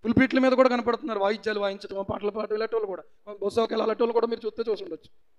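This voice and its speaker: A man preaches a sermon with fervent, rising intensity. His voice sits high, and he keeps pressing the congregation with repeated rhetorical questions. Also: steady tone, very fast, lo-fi sound. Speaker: pastor.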